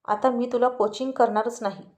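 A woman's voice: on the high side, fairly even intonation, a little fast, a little mellow, lightly acted. A woman doing a hot-headed teenage boy. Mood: angry. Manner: defensive, quarrelsome.

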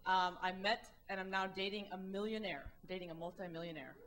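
This is a thirty-something woman from the Midwest doing stand-up inside a comedy club, speaking into a handheld mic. Her delivery is wry and animated, fairly quick, in a mid-range voice, and she imitates the people she quotes.

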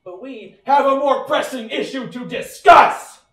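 A man playing a blustering police detective in a school stage comedy, with hammy, drawn-out tough talk. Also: fairly high pitch, animated. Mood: impatient. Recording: echoey room from far off.

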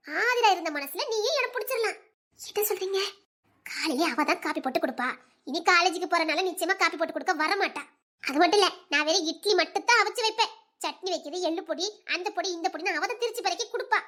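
This is a scornful, gossiping mother who is always scheming for her son's sake, as a woman acts her out. She chuckles through her words in a very high, bright voice. It is an audio drama performance. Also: lively intonation, fast talker. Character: scheming middle-aged mother plotting for her son.

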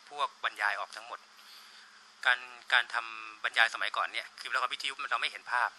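A man in his thirties, a radio drama producer, describes his work in an informal interview, speaking into a handheld reporter mic in a small studio office indoors. His mid-range voice is steady, pushed and bright, and a little fast. The room is noisy.

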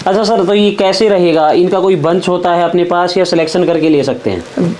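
Upbeat male vlogger, slightly high voice. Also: moderate pace, darkish tone, a little hiss or hum. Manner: upbeat, keeps praising and asking questions. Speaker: vlogger touring a warehouse. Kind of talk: casual shop walkthrough.

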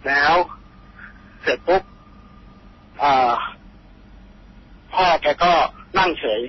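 Earnest Thai man telling a story by phone. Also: fairly high pitch. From Thailand. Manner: earnest, halting, polite with many particles. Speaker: caller telling a ghost story. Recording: dull phone line with faint hiss.

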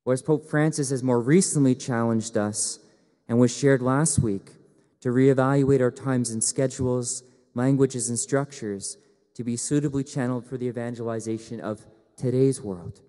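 A man's voice: mid-range voice, dark tone. A young man, a priest, preaching an earnest sermon at a lectern, speaking into a headset mic. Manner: earnest, gesturing, rising to emphatic appeals. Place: church sanctuary at a lectern, indoors. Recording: long church reverb.

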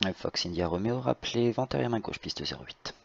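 A man with a lowish, creaky voice works as an air traffic controller, giving halting procedural instructions. The audio is slightly dull, like lo-fi voice chat. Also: expressive, a bit bright. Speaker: tower air traffic controller in online flight simulation. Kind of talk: procedural radio instructions with informal asides.

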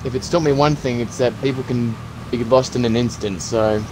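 In an improvised game roleplay, a man plays a calm, practical survivor of a zombie apocalypse, offering reassuring, encouraging instructions. His medium-pitched, natural voice moves at normal speed against background noise.

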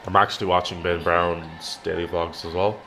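A man in his twenties chatting casually to the camera at home, sounding tired and low-key, rambling with pauses. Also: level tone, pushed and bright, slight background noise. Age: 20s. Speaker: daily vlogger. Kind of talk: casual vlog chat to camera. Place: home kitchen-living room, indoors. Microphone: camera at arm's length.

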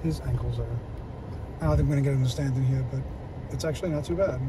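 A man's voice: medium pitch, fast talker, noisy background. A man in his forties casually reviewing a toy on camera from inside his parked car, chatty and full of fillers. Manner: relaxed, chatty, with many fillers. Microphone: phone camera at arm's length.

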